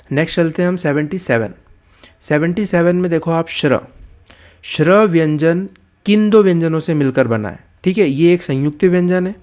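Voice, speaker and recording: A man with a slightly high voice explains an exam-prep lesson. He poses questions and answers them himself, checking in constantly with okay and right. He sounds out letters slowly to show how they are said. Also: a little mellow. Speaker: teacher.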